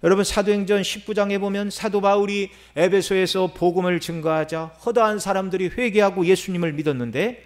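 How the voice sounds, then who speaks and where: A middle-aged male pastor delivering a sermon, with rising emphasis and dramatic pauses. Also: high-pitched.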